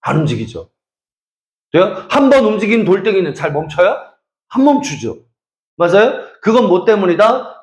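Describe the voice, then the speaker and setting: Brief: middle-aged male academy teacher, high voice, playful teasing lecture, roomy classroom. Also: sing-song, normal speed. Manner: teasing, checks for understanding constantly. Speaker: math and science academy teacher.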